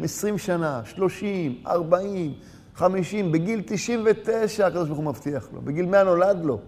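A male preacher delivers a religious sermon, pressing rhetorical questions and repeating words for emphasis. His voice is high for a man. The recording carries a long hall reverb.

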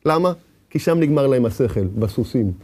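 A man giving a sermon, moving between loud, high preaching and quiet, low storytelling, acting out stories with sound effects and voices, and sometimes breaking into song. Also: lively intonation. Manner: breaks into singing.

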